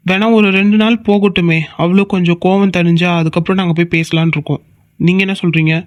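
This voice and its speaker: A performer voicing a young man, a bossy but reassuring elder brother in a cartoon, speaking quickly and confidently. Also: medium pitch, flat delivery, no room sound, lo-fi sound, close to an everyday voice. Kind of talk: cartoon voice acting.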